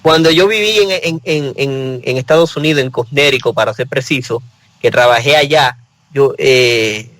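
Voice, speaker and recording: A man's voice: medium pitch, moderate pace, a bit bright, dry recording, rough recording. A man with a Puerto Rican accent, speaking as a guest in a casual panel discussion and telling personal stories earnestly. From Puerto Rico.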